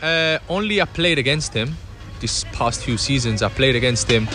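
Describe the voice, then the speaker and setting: A young Spanish footballer answers interview questions outdoors by a pool, restarting often and using many fillers. His medium-pitched voice is expressive and sharp, at a moderate pace. Music plays in the background.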